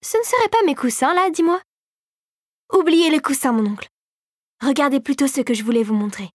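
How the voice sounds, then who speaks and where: A woman voicing an eager, excitable young girl inventor in an audiobook, in a high, breathless voice. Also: a little fast, no echo, close to an everyday voice. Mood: excited. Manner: breathless, excited, pitched high above the narration. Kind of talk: audiobook character voice.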